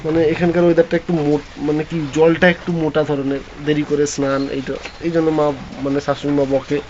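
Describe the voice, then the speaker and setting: A man's voice: on the high side, level tone, fairly quick, a little mellow. Chatty man vlogging on a phone. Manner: chatty, rambling with many restarts. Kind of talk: casual home vlog. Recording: dull lo-fi phone audio with faint noise.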